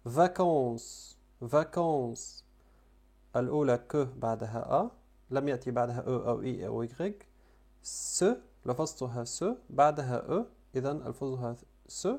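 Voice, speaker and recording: A man whose first language is Arabic, teaching French pronunciation and slowly repeating each sound and word. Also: mid-range voice, a little mellow. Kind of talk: language lesson.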